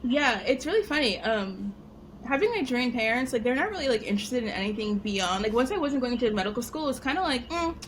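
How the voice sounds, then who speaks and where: A young woman with a slightly high voice tells a personal story in relaxed conversation. She is animated and laughs easily, and "like" runs all through her speech. A faint noise floor sits under the recording. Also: quick pace. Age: young adult. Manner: animated, laughing, heavy use of "like". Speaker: guest storyteller. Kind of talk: casual interview chat.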